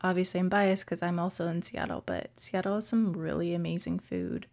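A woman's voice: fairly low pitch, a little fast, gravelly, a little mellow. A woman in a casual discussion, speaking in a matter-of-fact way. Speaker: panel guest.

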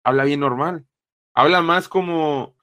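A man's voice: a little high, measured pace, sharp tone, clear, resonant tone, no room sound. A man, chatting casually as a co-host and dropping slang between nearly every phrase. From northern Mexico. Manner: slangy, fills talk with "güey". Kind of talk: casual chat.

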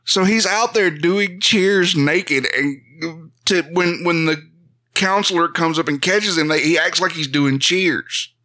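Bright-voiced man, animated podcast co-host. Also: on the high side, takes it slowly. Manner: animated storytelling, laughs at his own stories. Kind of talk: casual chat.

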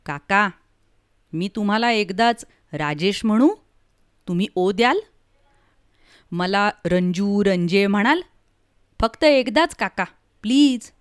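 A woman's voice: mid-range voice, takes it slowly, pauses often, clear, resonant tone, no echo, studio quality, close to an everyday voice. A woman doing a shy blind young girl. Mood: pleading. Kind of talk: storytelling.

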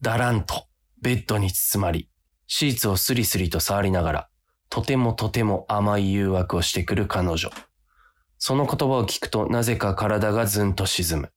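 Lowish and lightly acted at a moderate pace, this male narrator voices a tired office worker prone to temptation in a comic radio drama. The grumbling, self-deprecating drama comes across as wry narration.

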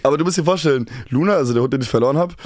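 A man's voice: on the high side, very fast, no echo, studio quality. A young man co-hosting a podcast, telling a story casually and with animation, sometimes mumbling. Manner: animated storyteller, mumbles at times, drops to a whisper. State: tired, late at night. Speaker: podcast co-host.

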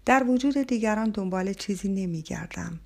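A woman playing a calm, quiet wife. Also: medium pitch, vocal fry. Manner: calm and soft. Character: calm, quietly determined middle-aged wife.

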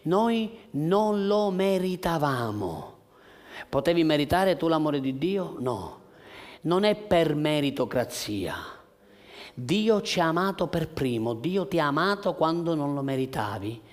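High-voiced, impassioned male preacher. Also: big pitch swings, a little slow. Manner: impassioned, rhetorical questions, swings from loud to hushed. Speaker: pastor. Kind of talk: sermon.

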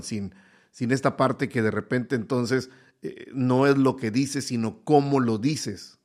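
A middle-aged man giving a casual motivational talk, conversational and repeating phrases for emphasis. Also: medium pitch.

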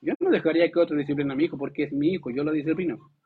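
A pastor delivering a lively, conversational sermon, asking the congregation rhetorical questions and acting out quotes. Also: male voice, on the high side, very fast, breathy edge. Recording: tinny phone-like sound.

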